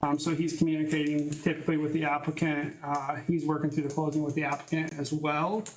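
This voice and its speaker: A man's voice: on the high side, fast, slight background noise, rough recording. A man presenting a process document at a public board meeting, reading out checklist items in a casual way. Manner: runs through a checklist in a casual, flat tone. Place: meeting room.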